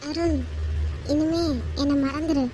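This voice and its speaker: Someone voicing a high-voiced young woman breaking up. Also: flat delivery, a little slow, very noisy. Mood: sad. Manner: cold, curt, decisive. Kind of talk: amateur cartoon voice acting.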